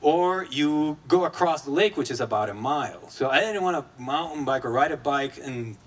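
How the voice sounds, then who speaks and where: A man's voice: mid-range voice, fairly bright tone. Casual conference speaker, a man. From Guatemala. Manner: casual, conversational speaker with fillers and restarts. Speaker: executive director of an advocacy group. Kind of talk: conference keynote speech. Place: conference stage.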